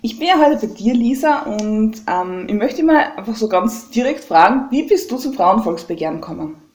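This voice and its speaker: A woman's voice: a little high, expressive, normal speed, darkish tone. A young woman with an Austrian German accent who hosts the podcast and asks questions in a casual, hesitant way with many fillers. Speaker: podcast host. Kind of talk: podcast interview.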